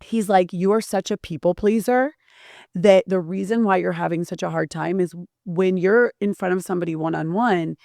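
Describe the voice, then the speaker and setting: A woman hosting an interview, telling a personal story in an animated way with frequent restarts. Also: fairly low pitch, normal speed, vocal fry, dry recording, studio quality. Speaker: podcast host. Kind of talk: casual interview chat.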